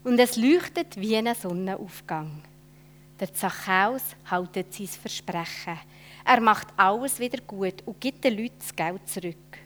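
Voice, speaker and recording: A woman telling a children's Bible story in an expressive way, with dramatic swells and soft whispered asides. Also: mid-range voice, unhurried.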